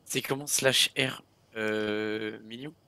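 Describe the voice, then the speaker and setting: A man's voice: fairly low pitch, steady tone, takes it slowly, pushed and bright, clean tone, no room sound. A man playing in a tabletop game, chatting playfully and speaking as his character. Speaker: player. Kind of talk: casual chat and in-character play in a tabletop game.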